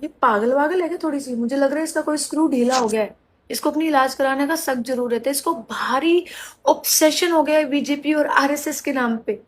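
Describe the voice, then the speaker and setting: A woman's voice: sits high, a little fast, a crowd in the background. A woman commentator delivering a mocking political roast in a scornful, sarcastic way.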